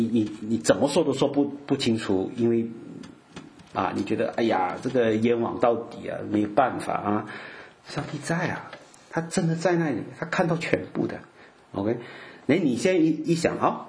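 This middle-aged man's sermon comes in a fairly low voice with vocal fry. He repeats words as he stumbles, leans on "ah" fillers, and frequently asks his listeners whether they're OK.

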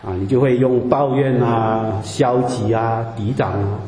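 This man's warm, mid-range voice moves at a measured pace with fairly even intonation. He delivers a sermon conversationally, unpacking scripture and asking rhetorical questions, recorded in a reverberant hall with a little background noise.

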